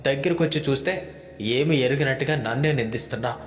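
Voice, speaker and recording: A man voicing a frightened young companion in a ghost story, talking in an anxious, rushed way. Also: mid-range voice, close to an everyday voice. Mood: frightened pleading. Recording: echoey hall with background music.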